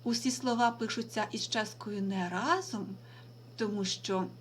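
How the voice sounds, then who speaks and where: A woman teacher giving a recorded remote lesson, reading out words slowly and deliberately and stressing them. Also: mid-range voice, a little hiss or hum. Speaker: language teacher.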